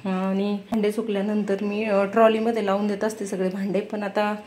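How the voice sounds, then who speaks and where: A young mother with a Marathi accent talks to her small child in a coaxing, sing-song voice at home. Her pitch sits in the middle range for a woman. Clear background noise runs under her casual home phone recording. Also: flat delivery, normal speed, darkish tone. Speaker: vlogger and mother. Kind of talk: casual home vlog, talking to a baby.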